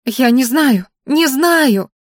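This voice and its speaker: A woman's voice: on the high side, normal speed, no echo, studio quality, voice pushed up, lightly acted. A woman voicing a frightened, tearful young girl who stammers and pleads. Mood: pleading. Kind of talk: audiobook character voice.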